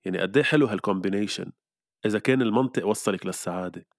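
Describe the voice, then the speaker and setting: A man's voice: on the low side, rapid-fire, gravelly, no room sound, clean studio sound. A man with a Lebanese Arabic Levantine accent in a casual podcast chat, playful and repeating himself for emphasis.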